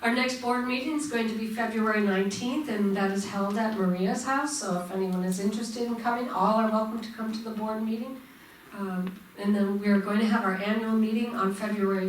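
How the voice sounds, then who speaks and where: A woman leading a church service, reading announcements in a friendly, halting way with fillers. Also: mid-range voice, a little hiss or hum. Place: church sanctuary. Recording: echoey hall mic from far off.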